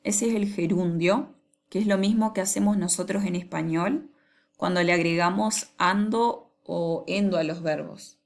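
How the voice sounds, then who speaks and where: Woman teacher, slightly low and gravelly voice, patient explainer. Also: fairly even intonation. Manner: patient, slows down on examples. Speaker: English teacher. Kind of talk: explaining grammar to students.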